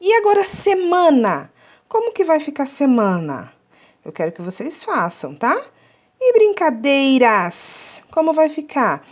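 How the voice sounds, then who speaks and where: Woman teaching young children, lively, sing-song delivery, drawing out syllables and checking in with the class. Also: high voice. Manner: slow, drawn-out syllable counting; checks with "tá?" often. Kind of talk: children's lesson.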